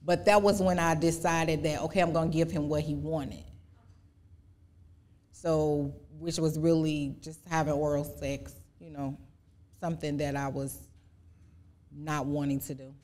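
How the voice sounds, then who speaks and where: A woman in her forties answering audience questions as a podcast guest, speaking earnestly with halting restarts. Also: deep voice, little pitch movement, a little mellow. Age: 40s. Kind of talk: live podcast Q&A, personal testimony.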